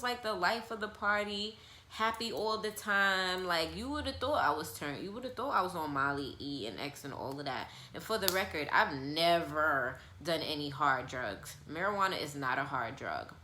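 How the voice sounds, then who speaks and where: A woman's voice: lowish voice, animated, moderate pace, bright, forceful tone, a little hiss or hum. A young adult woman talking candidly and bluntly in a personal vlog monologue, repeating herself for emphasis and swearing casually. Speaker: vlogger. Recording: echoey room.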